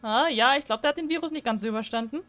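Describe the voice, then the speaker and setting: A woman's voice: on the high side, very fast, a bit bright. A woman giving joking, chatty commentary while playing a horror game, talking to viewers at a desk microphone. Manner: chatty, joking, shrieks when startled. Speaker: gaming streamer. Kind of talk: let's play commentary.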